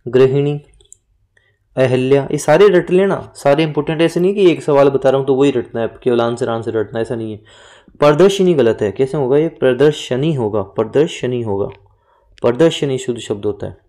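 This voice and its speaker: A man's voice: mid-range voice, a little fast, mellow. A man teaching an exam-prep lesson, going through answers and repeating each word to drill the correct spelling. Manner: explains and repeats words, drills spelling points.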